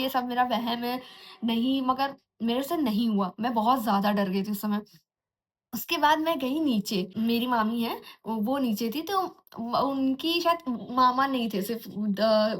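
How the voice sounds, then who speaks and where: A young woman vlogger casually telling a horror story from her own life. She talks in a chatty way, restarts often and mimics eerie sounds like jingling anklets and giggles. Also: high-pitched. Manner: chatty, restarts often, mixes in English words.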